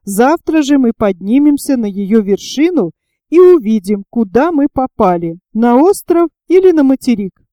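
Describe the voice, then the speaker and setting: Woman voicing calm steady engineer man. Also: fairly high pitch, no room sound. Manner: measured, reassuring. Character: calm, thoughtful male engineer, middle-aged leader.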